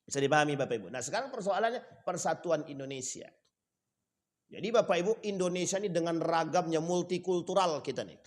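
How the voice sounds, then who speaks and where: A man preaching a sermon, asking rhetorical questions and speaking straight to his listeners, swinging from loud emphatic rises to low quiet drops. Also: fast.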